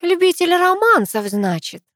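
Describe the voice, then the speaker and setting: A woman's voice: high voice, very animated, normal speed, no echo, clean studio sound, pitched above the performer's own voice. Woman doing a sassy teenage sister. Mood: teasing. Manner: sassy, teasing. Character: cheeky teenage girl, the narrator's younger sister.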